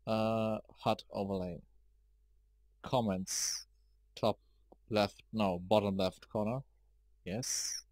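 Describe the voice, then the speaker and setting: A young man streaming a game live, rambling casually, easily startled, swearing and shouting at enemies. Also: on the low side, fairly even intonation, slow, long pauses, dry recording. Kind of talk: live gameplay commentary.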